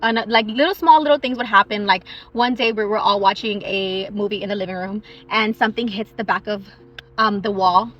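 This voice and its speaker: A young woman in a parked car telling a true story in a chatty, animated way, eating on her lunch break. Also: medium pitch, fairly quick, highs cut off. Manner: chatty and animated, eating while she talks. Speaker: social media storyteller.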